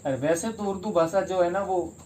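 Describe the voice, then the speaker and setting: A man's voice: high-pitched, normal speed, a little mellow. A man teaching a history lesson for exam prep in Hindi, explaining step by step and asking and answering his own questions.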